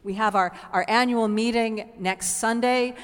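A woman priest giving a sermon in an unhurried way, often repeating a word as she restarts. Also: on the high side, fairly even intonation, clean tone. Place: church. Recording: church with long reverb.

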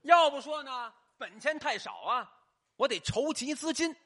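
A man's voice: very high-pitched, lively intonation, a little slow, a bit bright. A man performing crosstalk comedy on a theater stage, telling a story in an exaggerated, mock-wailing way.

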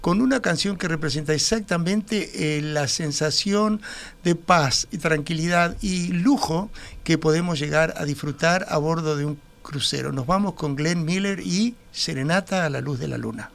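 A man's voice: a little high, moderate pace, creaky. A man with a Uruguayan accent talking conversationally on a radio show, explaining things with some hesitation.

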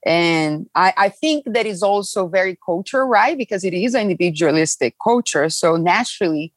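A woman's voice: on the low side, moderate pace, no room sound. A woman in her thirties from Brazil, chatting as a podcast guest and acting out quotes as she tells her story. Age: 30s. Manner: animated storyteller, acts out quotes. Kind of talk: casual chat.

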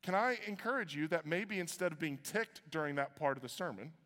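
High-pitched pastor preaching in a reverberant hall. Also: male voice, a little fast. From Iowa, USA. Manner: conversational, joking asides, lively swings in pitch. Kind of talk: sermon. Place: church auditorium.

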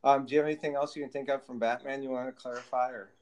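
Male co-host, mid-pitched, chatty, wanders through topics with ums. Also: steady tone, racing, darkish tone. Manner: rambling, many fillers and restarts. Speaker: podcast co-host. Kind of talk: casual chat.

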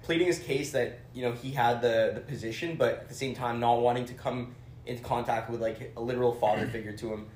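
Fast-talking man in an echoey room. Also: medium pitch. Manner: animated storyteller, acts out quotes. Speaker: podcast co-host. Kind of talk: casual chat about motor racing. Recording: echoey room with faint background noise.

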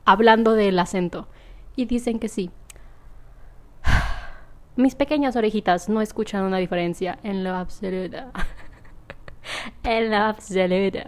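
A young woman, chatting casually to camera, rambling and laughing often. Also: mid-range voice. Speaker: vlogger.

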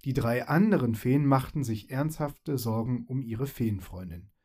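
A man's voice: mid-range voice, unhurried, darkish tone. Man reading a children's story aloud. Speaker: narrator.

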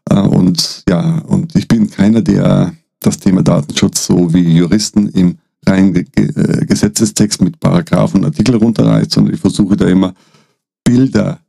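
A middle-aged man with a low, gravelly voice tells a story as a podcast guest. His tone is dark and slightly husky. He often stops short and restarts his sentences. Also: fairly even intonation, no echo. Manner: halting, frequent restarts and fillers. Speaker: guest, data protection consultant.

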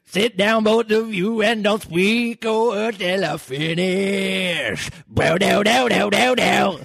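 A man's voice: sits high, takes it slowly, creaky, a bit bright, dry recording, pitched above the performer's own voice, exaggerated voice. A man voicing a mournful male turtle who croons his tale in a sing-song way. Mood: mournful crooning.

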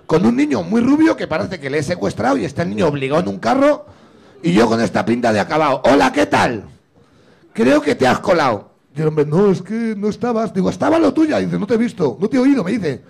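Gravelly, lively Spanish comedy host. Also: male voice, sits high, fast talker. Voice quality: gravelly, husky voice. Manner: animated, acts out both sides of the story. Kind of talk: stand-up style storytelling.

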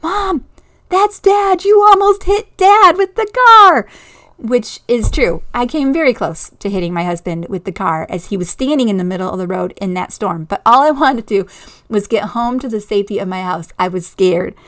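A woman's voice: mid-range voice, fairly quick. Earnest woman hosting a faith podcast. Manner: earnest, storytelling, laughs at herself. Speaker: podcast host.

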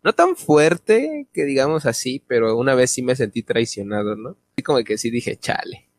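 A man's voice: mid-range voice, very animated, normal speed, no room sound, clean studio sound. A young adult man with a Mexican accent, co-hosting a casual chat and telling a personal story, full of slang and swearing. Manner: slangy, swears freely, acts out quoted voices. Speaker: podcast co-host.

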